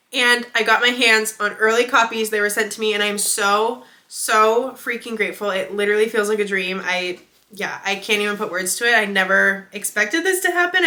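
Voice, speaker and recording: A young woman chatting casually to her viewers about books, excitable and gushing, her voice a little worn from being sick. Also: mid-range voice. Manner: gushing, excitable, lots of "like" and "literally". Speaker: book vlogger.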